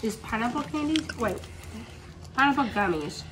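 A woman's voice: on the high side, lively intonation, moderate pace, a bit bright, far from the mic. A woman vlogger and mother chatting casually and a bit scattered while tasting snacks. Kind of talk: casual snack taste-test chat. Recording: clear background noise.

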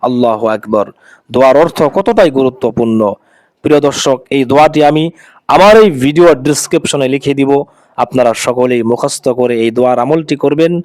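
A man's voice: mid-range voice, moderate pace, darkish tone, no room sound. A man presenting an Islamic devotional video, speaking to viewers in an earnest, reassuring, preacher-like way.

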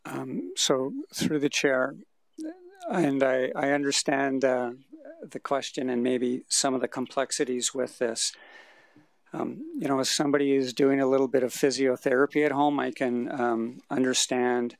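Gravelly man answering council questions. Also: medium pitch, fairly even intonation, no room sound. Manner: measured, explanatory, with fillers. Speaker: consultant presenting survey results. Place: council chamber. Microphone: desk microphone.

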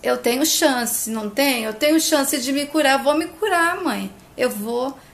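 A woman voicing a young female patient who keeps reassuring her family through tears, with a gravelly, pleading way of speaking. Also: on the high side, slow. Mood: tearful, pleading. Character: adult female patient, tearful and brave.

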